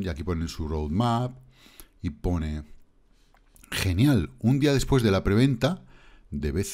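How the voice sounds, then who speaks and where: A deep-voiced man talks casually over his screen. He reads chat messages aloud and mocks them with dry sarcasm, in the loose style of an online commentary host. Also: a little mellow. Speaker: crypto channel host.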